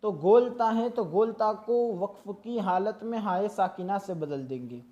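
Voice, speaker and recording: Mellow-voiced teacher slowly demonstrating recitation. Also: medium pitch, highs cut off. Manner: patient and instructive, drawing out syllables to demonstrate. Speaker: Quran reading teacher. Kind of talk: tajweed lesson, explaining and slowly demonstrating recitation.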